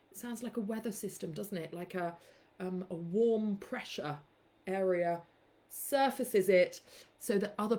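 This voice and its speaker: A woman's voice: fairly low pitch, darkish tone. A woman podcast host in casual live-stream chat, chatty and playful, swearing casually as she talks to her viewers.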